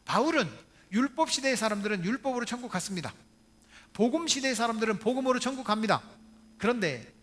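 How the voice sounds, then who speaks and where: A man's voice: sits high, a bit bright. A male pastor preaching a Sunday sermon in church, asking the congregation questions and telling stories with humorous asides. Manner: retells stories with acted quotes. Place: church, Sunday service video.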